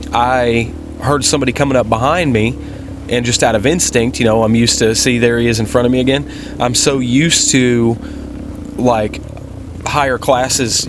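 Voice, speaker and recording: A man with a mid-pitched voice talks through a motovlog in a casual, folksy style. He rambles along in an easygoing way, like someone chatting to friends. Clear vehicle and outdoor noise runs through the recording. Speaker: motovlogger and amateur off-road racer. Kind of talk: casual vlog commentary over race footage.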